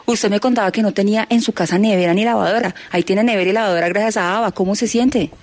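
A woman's voice: medium pitch, quick pace, darkish tone. A woman reporting live on site, upbeat and effusive as she interviews people. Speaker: field reporter.

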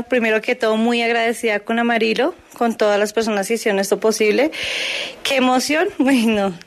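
A woman being interviewed, excited and gushing with thanks. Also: a little high.

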